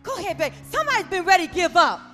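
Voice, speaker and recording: Woman, forties, preacher, very high pitch, impassioned sermon, long hall reverb, soft music behind. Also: big pitch swings, very fast. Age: 40s. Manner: impassioned, call-and-response preaching that swells into shouts.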